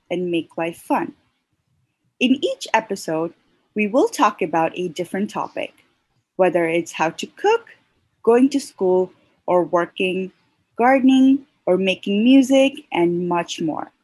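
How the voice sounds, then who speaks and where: A woman hosting a podcast, with a husky voice at a mid pitch. She reads her intro and asks her questions in a friendly, measured way, recorded dry and close. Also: a little mellow, no echo. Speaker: podcast host and interviewer. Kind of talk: scripted intro and interview questions.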